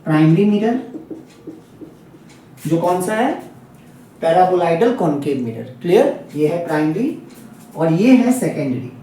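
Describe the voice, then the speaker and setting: A man's voice: high-pitched, sing-song, unhurried, long pauses, dark tone, heavy reverb, distant mic, slight background noise. A man teaching a physics lesson aimed at exams, who repeats key points and keeps checking in with his students. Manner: repetitive, checks in often with students. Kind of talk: exam-focused classroom lesson.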